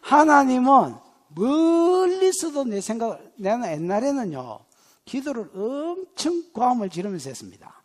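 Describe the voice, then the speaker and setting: A man's voice: extremely high pitch, a little slow. A middle-aged male pastor with a Gyeongsang dialect, preaching a sermon and telling personal stories with jokes aimed at the congregation. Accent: Gyeongsang Korean dialect. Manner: animated, joking storyteller who teases the congregation. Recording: long church hall reverb.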